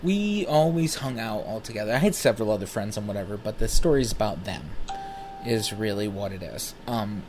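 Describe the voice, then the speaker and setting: A man in his thirties, smoking while he talks, telling rambling personal stories in a casual, animated way and swearing freely. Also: fairly low pitch, brisk, background noise. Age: 30s. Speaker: vlogger.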